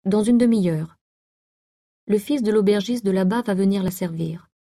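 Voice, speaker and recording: A woman reading aloud and voicing an older male hermit priest, quiet and grave. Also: medium pitch, normal speed, lightly acted. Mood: probing.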